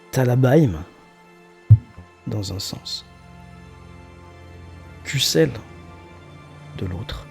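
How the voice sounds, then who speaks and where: Mellow male game master over faint music. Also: mid-range voice, creaky. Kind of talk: improvised tabletop game narration.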